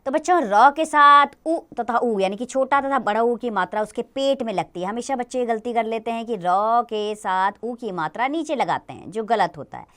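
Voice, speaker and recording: A woman teaching a children's grammar lesson, explaining slowly and patiently, often asking the children questions. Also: on the high side, animated, fairly bright tone.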